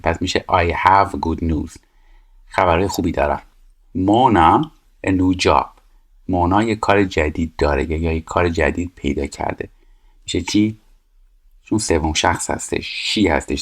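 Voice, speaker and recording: Man with a low voice, Persian speaker, English lesson, slow read-aloud sentences, brisk explanations. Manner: reads English lines slowly, explains quickly in Persian. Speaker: English teacher. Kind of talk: explaining grammar exercises.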